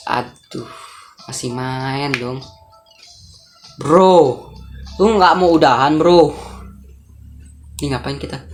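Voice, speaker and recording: A woman giving casual gameplay commentary as host, chatty, sighing and groaning as she talks to her viewers. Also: rumbling low. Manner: chatty, sighs and groans, addresses viewers as guys. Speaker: gaming host.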